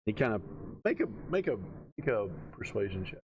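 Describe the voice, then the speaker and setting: A man narrating casually as game master, halting and thinking aloud as he goes. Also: fairly low pitch, very animated, dull audio, slight background noise.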